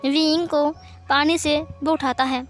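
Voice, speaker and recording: A woman's voice: high voice, fairly even intonation, a little slow, soft background music. A woman narrating fan fiction aloud in a plain, conversational way. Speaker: storyteller.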